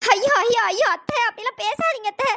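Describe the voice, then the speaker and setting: A voice actor doing a timid, squeaky young cartoon woman. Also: brisk, background noise. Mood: fearful. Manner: fearful, pleading. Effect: pitch-raised voice. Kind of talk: cartoon drama dialogue.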